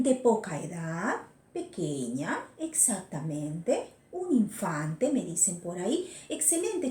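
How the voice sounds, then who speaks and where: A woman's voice: fairly high pitch, mellow, roomy sound. A woman with a Peruvian accent teaching an online class, patient and encouraging, often checking in with her students. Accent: Peruvian Spanish. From Peru. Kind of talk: virtual class lecture.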